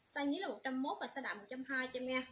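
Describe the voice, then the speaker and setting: A woman hosts a livestream sale, talking at a brisk clip in a high voice. She repeats codes and prices in a steady sales patter. Loud background noise and crinkling packaging sit under her voice. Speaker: livestream seller.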